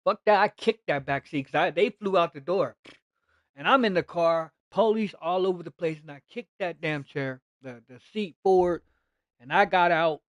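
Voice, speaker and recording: A man's voice: high-pitched, moderate pace, dry recording. A gaming streamer telling a story from his life in a casual, blunt way, swearing often. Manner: animated, blunt, heavy swearing.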